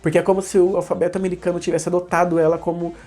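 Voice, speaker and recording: A man's voice: high voice, flat delivery, very fast, darkish tone. A man giving a casual online English lesson, explaining in a rambling way and often correcting himself mid-sentence.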